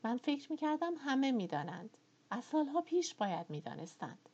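Woman voicing a gentle, evasive young gentleman. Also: high voice, very animated, breathy edge, lo-fi sound, pitched above the performer's own voice, full character voice. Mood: earnest.

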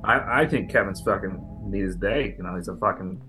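A man's voice: low voice, brisk, natural voice. A man playing a brash, foul-mouthed Boston woman. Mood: ranting. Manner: profane, blustering, stammering. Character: brash foul-mouthed young woman from Worcester posing as European.

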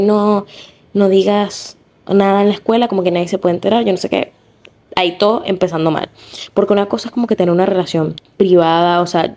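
A woman's voice: medium pitch, gravelly, warm tone. A young woman with a Venezuelan accent hosting a casual podcast monologue, chatty and rambling, full of fillers and self-corrections. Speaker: podcast host.

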